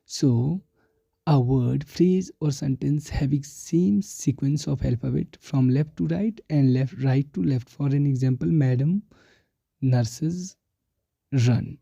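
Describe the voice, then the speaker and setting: Man teaching, dark gravelly voice. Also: mid-range voice, very slow, no echo. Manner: mixes English terms into explanations, repeats key answers. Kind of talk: exam prep lecture.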